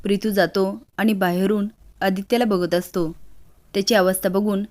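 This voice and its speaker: A woman narrating a TV serial recap, telling it briskly and moving from one scene to the next. Her voice sits at an average height for a woman. She reads every character's lines herself. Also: medium pitch, steady tone, a little mellow. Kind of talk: reading a serial recap aloud.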